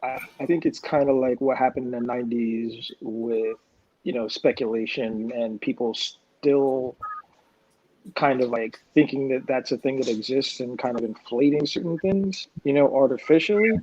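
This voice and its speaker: A man talking casually as a guest on a comics panel, relaxed and thoughtful, often repeating words as he starts a thought. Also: medium pitch, moderate pace, dry recording. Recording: dull lo-fi livestream audio.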